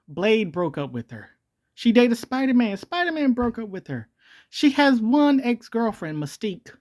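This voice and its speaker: A video host rambles through some comedic commentary using a voice changer that shifts and morphs their voice. They joke around and keep correcting themselves, with the pitch jumping all over the place.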